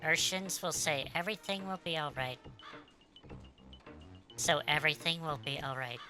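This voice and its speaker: A woman voicing an odd young female guide in a flat, mechanical-sounding voice, talking about herself in the third person. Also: low voice, exaggerated voice. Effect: mechanical-sounding voice, not a full robot. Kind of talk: voicing characters while playing a story game.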